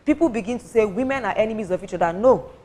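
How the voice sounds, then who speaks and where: A woman's voice: medium pitch, quick pace, a little mellow. A woman from Nigeria with a Nigerian accent, a women's advocate explaining her views earnestly on a talk show panel and repeating points for emphasis. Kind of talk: studio talk show discussion.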